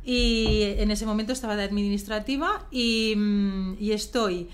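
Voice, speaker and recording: A woman's voice: medium pitch, a little slow. A woman telling her own story in casual chat, acting out quoted lines with rising emotion.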